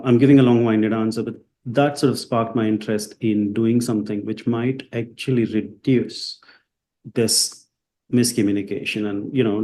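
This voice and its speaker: A man from India whose first language is Hindi, a psychiatrist and company founder, answers interview questions with many fillers and restarts. His voice is on the low side and mellow, with a little hiss or hum in the recording.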